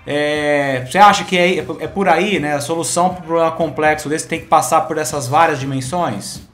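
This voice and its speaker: A man in his forties, interviewing in a studio, who asks measured, wrap-up questions and often affirms the guest. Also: a little high, fairly bright tone. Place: studio with acoustic foam panels. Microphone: studio condenser mic.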